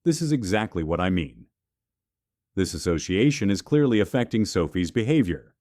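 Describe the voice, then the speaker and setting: A man's voice: on the low side, very animated, normal speed, darkish tone, no echo. A man reading the part of a snobbish wealthy mother who speaks in a haughty, disdainful way.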